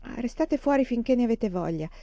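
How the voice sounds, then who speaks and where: A woman reading the lines of a practical, kind but firm prairie mother, in a brisk homely way. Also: fairly high pitch, expressive, mellow, dry recording, pitched above the performer's own voice. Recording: dull lo-fi dry recording.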